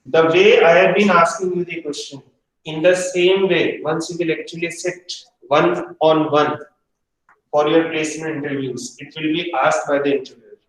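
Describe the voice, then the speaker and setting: A man's voice: fairly high pitch, fairly even intonation, moderate pace. A man teaching a hotel management practical class, stern and repetitive, pressing students for answers. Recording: echoey room from far off.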